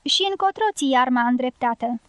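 A woman's voice: high-pitched, animated, smooth, no echo. A woman reading an old male partisan. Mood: stern. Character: old male partisan guide, plain and steady.

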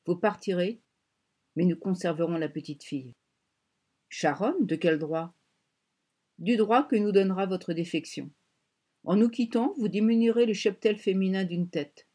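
A proud, domineering strongman of a castaway colony, as a woman reader puts him on, curt and cutting in an audiobook telling. His lines come in a plain reading voice with little change of timbre, and at times he drops to a breathless hush. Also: sits high, moderate pace, long pauses. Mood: threatening. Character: proud, domineering male island strongman, former singer.

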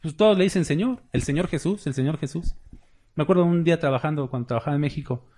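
Higher-voiced man preaching conversationally. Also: fast talker, mellow. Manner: conversational preaching, tags points with "¿verdad?" and "¿sí?". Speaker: pastor. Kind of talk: sermon.

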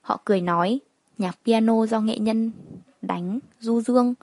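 A young woman narrating a first-person story in a calm, plain way. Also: a little high, measured pace, no room sound.

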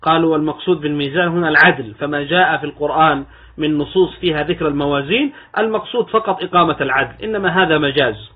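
A man teaches a religious creed lesson as a sheikh, in a voice pitched somewhat high. He explains point by point, asks rhetorical questions and answers them, and slows down to recite texts. The audio is narrow and thin, like a phone line. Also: slightly rough. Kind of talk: religious lecture in formal Arabic.

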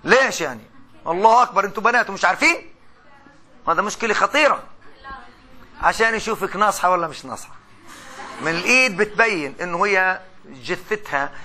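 A man's voice: high voice, animated, fast talker, long pauses, pushed and bright. A middle-aged man with a Palestinian Arabic accent giving a university lecture, chatty, putting questions to his students and answering them himself. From Gaza, Palestine.

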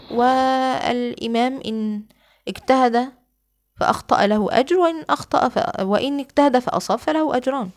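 A woman with an Egyptian accent giving a lecture on Quranic readings, moving between casual explanation and slow, drawn-out recited examples. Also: fairly high pitch. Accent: Egyptian Arabic. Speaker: Quran sciences teacher.

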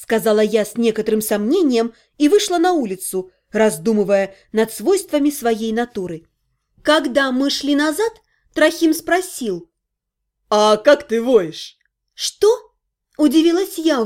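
A woman with a high voice narrates a first-person audiobook. She reads expressively and plays up the heroine's feelings. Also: normal speed. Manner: lively and expressive, playing up the heroine's emotions.

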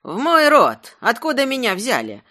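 A narrator voicing a cantankerous ancient talking spear with a shrill old woman's voice, grumpy and indignant. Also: sing-song, a little slow, pushed and bright. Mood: pleading. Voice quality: shrill, screeching. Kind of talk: audiobook character voice.

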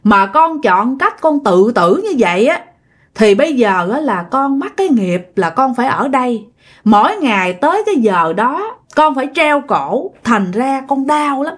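Lady putting on a high wailing young ghost girl, pleading over and over. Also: sing-song, measured pace, exaggerated voice. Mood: anguished pleading. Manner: plaintive, repeating her pain. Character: grieving young female ghost, sobbing and pleading.

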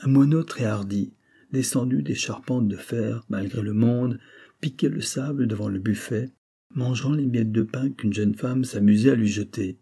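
A man narrating a classic novel as an audiobook, with measured, phrase-by-phrase delivery. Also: mid-range voice, gravelly, mellow, breathy edge. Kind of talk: literary audiobook reading.

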